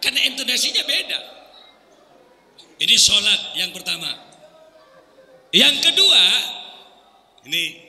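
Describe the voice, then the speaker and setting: A man preaching with animated delivery, now and then singing short call-to-prayer lines. His voice is high and strikingly bright. It carries a long, roomy reverb from a large hall. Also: a little slow, pauses often. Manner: animated, sings call-to-prayer phrases as examples. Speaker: Islamic preacher. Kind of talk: sermon.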